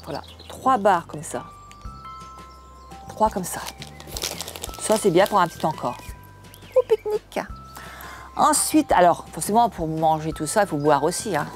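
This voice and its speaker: A woman's voice: fairly low pitch, animated, moderate pace, long pauses, soft background music. An older woman hosting a home cooking channel, chatting casually and homely to the camera as she unboxes food, often restarting her words.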